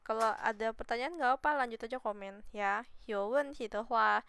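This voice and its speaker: A woman's voice: a little high, moderate pace, gravelly, fairly bright tone, a little hiss or hum. A woman teaching Mandarin on a casual live stream, chatty and patient, modelling tones by repeating syllables.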